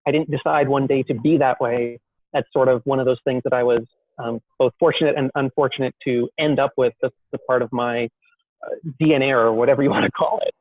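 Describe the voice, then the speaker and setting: A man's voice: medium pitch, fairly even intonation, fairly quick, no room sound. Man's voice, tinny phone-line audio. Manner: self-deprecating, rambling with many fillers and restarts. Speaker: guest entrepreneur. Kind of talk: casual interview storytelling.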